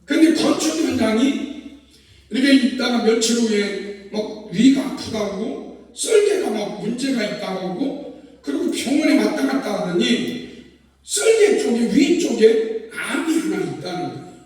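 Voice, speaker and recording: High-voiced Korean pastor preaching in an echoing hall. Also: male voice, measured pace. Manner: animated, chuckling storytelling. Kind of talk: revival sermon. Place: large church sanctuary. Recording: echoey hall, voice from far off.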